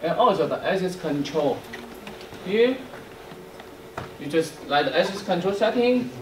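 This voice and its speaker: Speaking English as a second language, a young man with a mid-range voice walks a small indoor workshop audience through technical steps in halting, broken-up phrases. He's the trainer, picked up by a distant camera microphone, so the sound is roomy, noisy, and far away.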